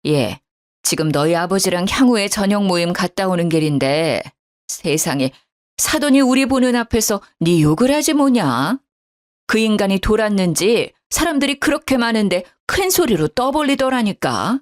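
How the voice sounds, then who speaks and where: A woman's voice: medium pitch, sing-song, normal speed, lightly acted. A woman voicing an indignant older mother. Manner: agitated, indignant chatter.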